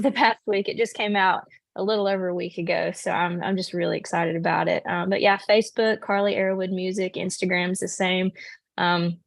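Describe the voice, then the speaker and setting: Woman musician guest, gravelly creaky voice, bubbly, hesitant, dry close sound. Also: medium pitch, dry recording. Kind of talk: casual video-call chat.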